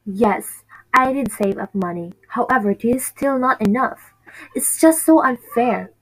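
A woman's voice: on the high side, unhurried, rough recording. A woman playing a devoted, determined single mother in an amateur audio drama, earnest and emotional. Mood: pleading.

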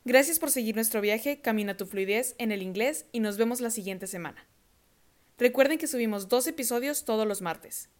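A woman hosting a scripted podcast lesson, slowly and carefully repeating words for listeners to copy. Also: a little high. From Mexico. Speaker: English teacher host of a podcast.

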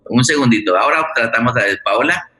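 The host, a man with a Colombian accent, speaks in a mid-range voice that is animated, bright, and forceful. On his unscripted live online show he goes on at length, halting and often repeating words as he gropes for the next one.

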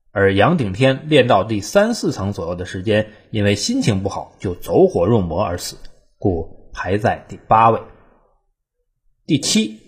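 Male countdown narrator, animated intonation, slightly husky voice, colloquial and wry. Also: medium pitch.

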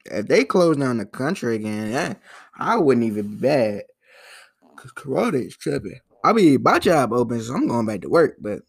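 Gravelly young man rambling on a podcast. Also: mid-range voice, big pitch swings, moderate pace. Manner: loose, rambling and profane, with frequent restarts and slang. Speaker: podcast host. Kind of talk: casual solo podcast commentary.

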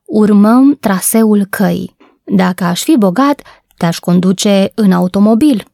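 A woman voicing a cheerful, streetwise boy who sells newspapers and talks in brisk, jaunty bursts in a storybook reading. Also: medium pitch, gravelly, warm tone, no echo, studio quality, natural voice.

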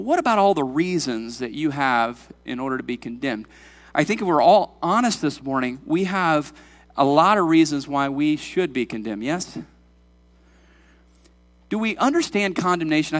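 A man's voice: a little high, fairly bright tone. A man in his forties preaching a sermon to his congregation, emphatic and full of questions to the room. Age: 40s. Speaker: pastor. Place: church sanctuary. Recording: long hall reverb.

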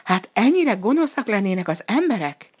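A woman's voice: lowish voice, natural voice. A woman voicing a frightened storybook wolf who stammers and frets about good manners. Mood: fretful.

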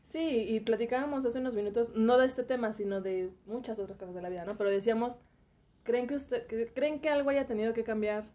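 A woman's voice: on the high side, fairly even intonation, fairly quick, dark tone. A woman hosting a conversation, chiming in often and steering the talk. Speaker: host. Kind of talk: conversational interview.

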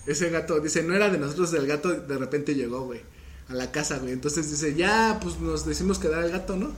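A man's voice: a little high, a little fast, slight background noise. A young man with a Mexican accent, casually telling spooky family stories in slangy, laughing speech. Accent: Mexican Spanish. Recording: echoey room with faint music.

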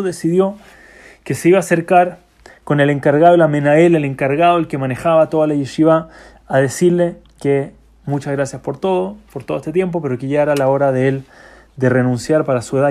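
High-voiced man telling a religious story. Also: darkish tone. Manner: mixes in Hebrew and English phrases.

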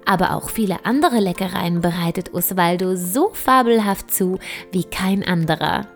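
A woman narrating a children's story in a gentle, clear storytelling voice. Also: on the low side, normal speed. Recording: soft music underneath.

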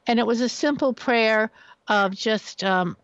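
A woman's voice: on the high side, a little slow, smooth, dry recording, lo-fi sound. Woman hosting a radio talk show.

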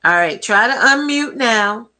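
Texan woman hosting a faith show, bright and lively, slips into quoted voices. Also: fairly high pitch, unhurried. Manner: lively, laughing, acts out quoted dialogue. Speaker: host. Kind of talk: faith talk show monologue.

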